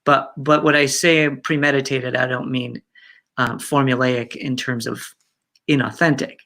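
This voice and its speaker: A man in his fifties chats as a guest in an interview. His voice is gravelly and bright, full of fillers, restarts and easy laughter. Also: mid-range voice, level tone, measured pace. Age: 50s. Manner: chatty, laughs often, many fillers and restarts. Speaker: guest speaker. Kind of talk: casual interview chat.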